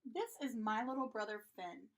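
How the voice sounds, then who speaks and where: An eager young boy shark from a children's storybook, cheerful and excitable, with a high voice that leaps about lively as a woman reads him out. He sounds upbeat and keen. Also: moderate pace.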